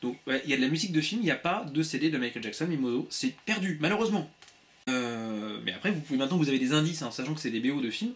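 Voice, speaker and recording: A man hosting a casual livestream from a home room on a laptop webcam, reading viewers' messages aloud in a quick, playful way with many restarts. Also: medium pitch, lively intonation. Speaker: livestream host. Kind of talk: casual live chat with viewers. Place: home room with shelves of CDs.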